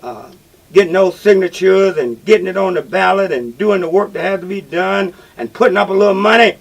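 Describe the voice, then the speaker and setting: A man hosting a talk radio call-in show, speaking in a halting, repetitive and emphatic way. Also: high voice, vocal fry, rough recording.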